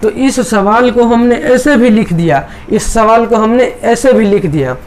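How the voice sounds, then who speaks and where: Man, maths teacher, high pitch, repetitive step-by-step explaining. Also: unhurried, darkish tone. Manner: repetitive, explains step by step, voices students' doubts. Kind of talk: chalkboard maths lesson.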